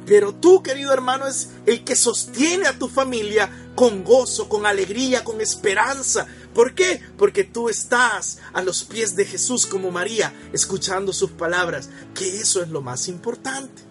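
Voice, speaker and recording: Man, preacher, high voice, sermon, direct address, repeats phrases, asks for amen, faint guitar behind. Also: animated, moderate pace, few pauses. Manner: calls for amen from the congregation.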